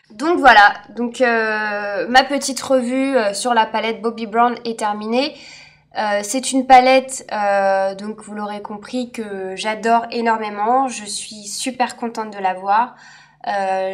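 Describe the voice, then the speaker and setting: A woman beauty vlogger giving a casual makeup review, chatty and enthusiastic, with frequent hesitant fillers. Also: on the high side. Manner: enthusiastic and friendly. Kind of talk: casual product review vlog.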